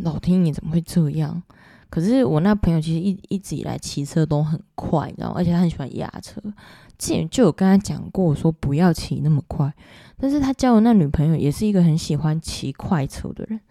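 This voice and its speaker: A woman's voice: deep voice, warm tone, no room sound, studio quality. A woman podcast host with a Taiwanese Mandarin accent, telling a personal story in an emotional, confiding way. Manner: emotional, confiding, keeps asking "you know?".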